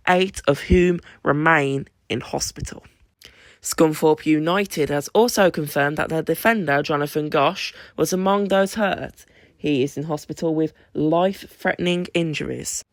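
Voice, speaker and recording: A young British man reading an amateur news bulletin from a script in a measured, formal way. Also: a little high. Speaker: news presenter.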